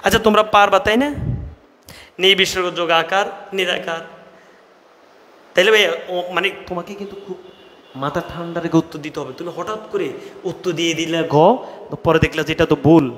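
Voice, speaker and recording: A young male tutor runs a live online grammar class, quizzing his students and nudging them along like an older brother. His voice sits a little high. The room rings with a long, echoey reverb. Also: fairly bright tone, slight background noise. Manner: brotherly, coaxing students with quick questions. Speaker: online admission-test tutor.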